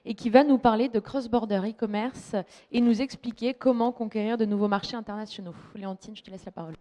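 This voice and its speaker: Woman, fairly high pitch, mellow tone, event presenter, formal introduction. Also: fairly even intonation, fast talker.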